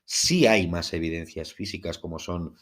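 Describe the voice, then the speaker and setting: Man, low-pitched voice, Spain Spanish accent, podcast host, measured formal narration, literary turns of phrase. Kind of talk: podcast monologue on a UFO case, part scripted narration.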